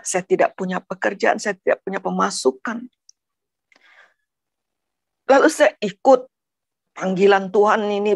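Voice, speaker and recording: A woman's voice: mid-range voice, no echo. A middle-aged woman from Padang giving an emotional personal religious testimony, repeating words and often turning to her listeners directly. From Padang, West Sumatra. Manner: earnest, emotional, repeatedly addresses listeners as brothers and sisters; halting, repeats words as she talks. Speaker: testimony speaker.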